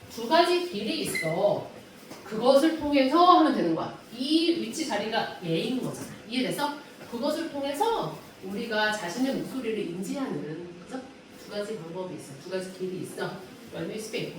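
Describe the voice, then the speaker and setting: A woman's voice: fairly high pitch, slight background noise. A woman English teacher giving a classroom lecture, asking her students question after question as she explains a reading passage. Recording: echoey room from a distance.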